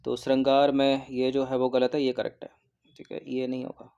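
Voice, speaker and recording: A man giving a recorded exam-prep lesson who explains each answer and repeats words slowly, often adding a quick "okay". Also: medium pitch, monotone, warm tone, smooth, highs cut off. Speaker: exam coaching teacher.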